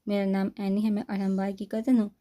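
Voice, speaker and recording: A woman's voice: mid-range voice, level tone, warm tone, lightly acted. A woman reading a novel aloud, voicing a chatty, friendly young woman cousin who insists on keeping company. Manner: talkative, insistent.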